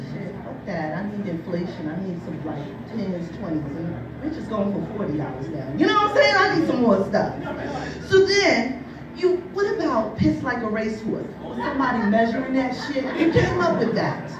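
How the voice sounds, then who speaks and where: Filmed by a faraway camera among the audience, this clip has a bawdy forties-aged comic from New Jersey doing stand-up in a brewery taproom and repeatedly asking "you know what I mean?" Her pitch is medium and the audio sounds dull. The room echoes, the sound is distant, and the crowd is audible.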